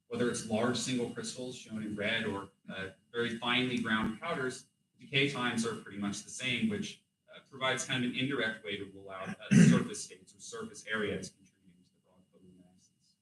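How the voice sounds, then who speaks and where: A man giving an academic thesis defense in a hesitant, hedging way, often pausing and correcting himself. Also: on the low side. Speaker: doctoral candidate presenting research. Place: room with audible echo. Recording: roomy echo, distant mic, background noise.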